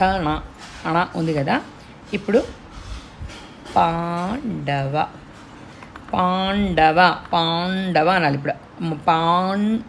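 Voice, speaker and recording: A woman teaching pronunciation, drawing out syllables slowly to demonstrate them. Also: lowish voice, vocal fry, a little hiss or hum. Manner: slow demonstrative enunciation of syllables. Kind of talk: pronunciation lesson.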